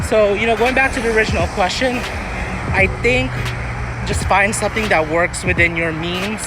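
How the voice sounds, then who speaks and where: A man's voice: sits high, fairly even intonation, normal speed, background noise. A man chatting casually as a vlogger, giving earnest, encouraging advice and rambling as he searches for words. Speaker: vlogger answering viewer questions.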